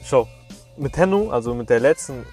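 A man's voice: medium pitch, animated, moderate pace, dark tone, faint music behind. A young man co-hosting a podcast, telling rambling stories in a casual, slangy way. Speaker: podcast co-host. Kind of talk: casual chat.

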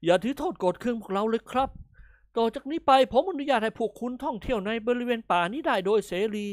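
A woman's voice: on the high side, animated, quick pace, a little mellow, no echo, studio quality, voice pushed up, natural voice. A woman voicing a brash forest bandit chief. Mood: fawning. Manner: brash then fawning, polite particles. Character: boastful grown male forest bandit chief, wheedling. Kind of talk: audiobook character reading.

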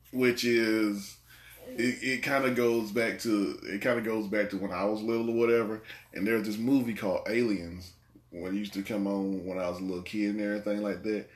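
A man's voice: fairly low pitch, fairly even intonation, a little slow. A man hosting a casual movie podcast, rambling and repeating his words as he talks. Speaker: podcast host. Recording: echoey room.

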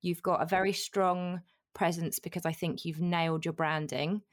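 A woman's voice: on the low side, steady tone, moderate pace, dry recording, clean studio sound. A woman hosting a podcast interview in an effusive, encouraging, conversational way. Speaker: podcast host.

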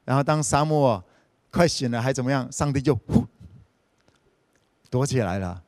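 Male pastor, middle pitch, conversational storyteller, close dry recording. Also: animated, moderate pace, a little mellow, no echo. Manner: chatty, retells scripture scenes playfully, sprinkles "OK". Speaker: preacher. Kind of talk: casual storytelling sermon.

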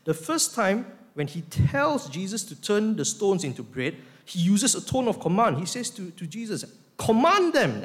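Emphatic male pastor preaching in a reverberant hall. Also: a little high. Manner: emphatic, slows down to stress key words. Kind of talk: sermon.

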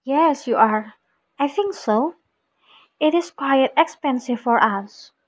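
Young woman, Indonesian accent, slow careful recital, high pitch, eager friend in a scripted dialogue, acted by a student. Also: slight background noise. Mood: earnest. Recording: muffled lo-fi recording.

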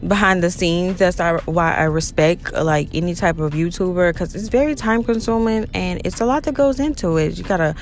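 A woman's voice: fairly low pitch, normal speed, hardly any pauses, a little hiss or hum. A woman in her late twenties from Baton Rouge, hosting her own podcast in a loose, rambling chat full of "you know" and "um". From Louisiana, Baton Rouge. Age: 20s. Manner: chatty, rambling, many fillers like "you know" and "um". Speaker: podcast host. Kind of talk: casual solo podcast chat.

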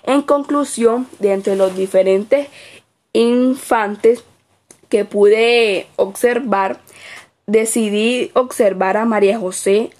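A woman's voice: a little high, slow pace, darkish tone. A woman reading aloud her written observation report as a student observer, with small slips and self-corrections.

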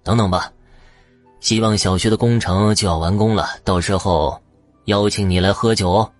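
A man playing a greedy, corrupt middle-aged official in an audio story, talking in a smug, gruff way. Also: low voice, sing-song, moderate pace, dry recording, faint music behind, exaggerated voice.

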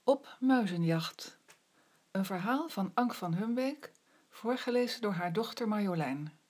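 A woman reading a children's story aloud in an expressive storybook manner. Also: mid-range voice. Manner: expressive, slow storybook delivery. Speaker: reader.

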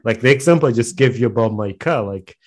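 A man's voice: mid-range voice, expressive, fast talker, a little mellow. A man hosting a podcast, chatting casually and rambling a little, mixing in Luganda phrases. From Uganda. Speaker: podcast host. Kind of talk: casual interview chat.

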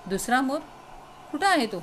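A woman's voice: sits high, very animated, normal speed, a little hiss or hum. A woman voicing a six-year-old prince, curious and indignant, in a raised childlike tone in a storybook reading.

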